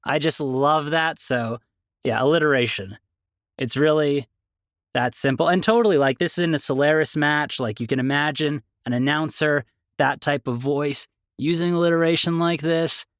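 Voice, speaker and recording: A man's voice: a little high, normal speed, a bit bright, no room sound, clean studio sound. Playful upbeat podcast host man. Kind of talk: casual chat.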